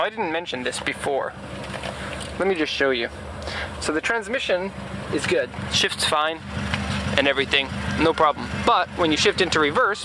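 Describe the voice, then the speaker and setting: Chatty man filming his car outdoors. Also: a little high. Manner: chatty, laughs at himself. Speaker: car exporter. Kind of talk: casual vlog walkaround. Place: outdoors on a street beside a car. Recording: outdoor street noise behind.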